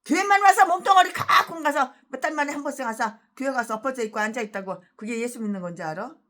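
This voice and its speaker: A woman pastor preaching a fiery sermon, ranting and cursing with emphatic repetition, then reading scripture slowly. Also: high-pitched, a bit bright. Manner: slow drawn-out scripture reading.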